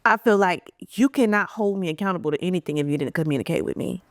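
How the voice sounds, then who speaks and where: Animated woman podcast co-host, dry sound. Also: lowish voice, quick pace, no echo. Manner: animated, acts out little quoted exchanges, laughs often. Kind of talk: casual chat.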